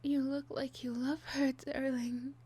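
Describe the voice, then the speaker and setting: A woman voicing a possessive, obsessive young monster girl in love, an unhinged, clingy villainess, in an ASMR role-play with breathy hushed stretches. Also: a little high, fairly even intonation, slow pace. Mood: wounded suspicion.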